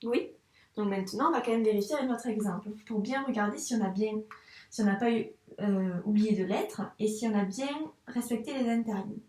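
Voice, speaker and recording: A primary school teacher, a woman, guiding a young child through a handwriting lesson in a patient, encouraging way, saying each sound slowly as she writes. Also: mid-range voice, a little mellow. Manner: says sounds slowly while writing. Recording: echoey room, mic at a distance.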